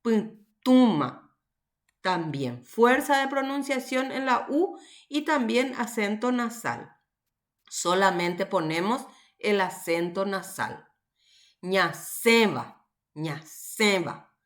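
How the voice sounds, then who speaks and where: Slow, patient woman teacher. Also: medium pitch, animated. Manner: slow, patient explaining, often checking with "¿verdad?". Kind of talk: recorded online class.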